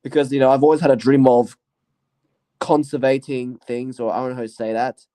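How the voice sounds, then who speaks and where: Warm and fairly quick, this man's mid-range voice stays fairly flat as he hosts his own channel. He goes over his year and reviews movies casually, rambling, hedging with "you know" and "I guess," and trailing off often.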